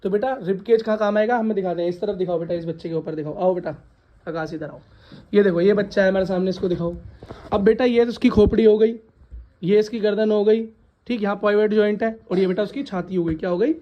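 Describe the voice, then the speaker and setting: A woman's voice: mid-range voice, steady tone, quick pace, highs cut off, slight background noise. A woman science teacher leading a classroom lesson, asking questions and having the class repeat answers back to her. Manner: repeats questions for the class to echo, calls students "beta"; scolds laughing students. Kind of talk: classroom lesson with call-and-response. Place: classroom with students present.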